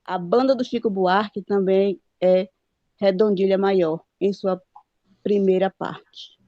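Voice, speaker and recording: A woman's voice: medium pitch, steady tone, takes it slowly, no echo, dull audio. A woman with a Brazilian Portuguese accent giving a class presentation on poetic metre, reading notes with hesitant fillers and stumbles. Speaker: student presenter.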